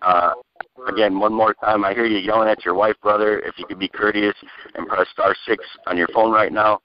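Over a dull phone line on a crowded conference call, a man moderates a group call, giving callers blunt, informal directions. His voice is on the low side, brisk, and fairly even in intonation.

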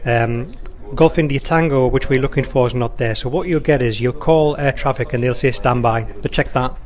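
Speaking at normal speed in a mid-range voice, a male air traffic controller gives an informal, chatty instructional walkthrough that includes radio phraseology. The setting is an indoor control room or workstation next to a touchscreen.

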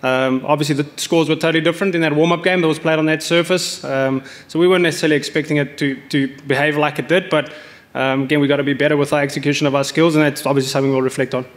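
A man's voice: on the high side, fairly even intonation, racing. A man in his forties, a cricket coach answering reporters' questions at a press conference, speaking into table microphones with frequent fillers and restarts.

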